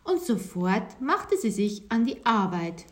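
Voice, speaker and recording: Slow, lively German storyteller woman. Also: on the high side. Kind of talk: children's story reading.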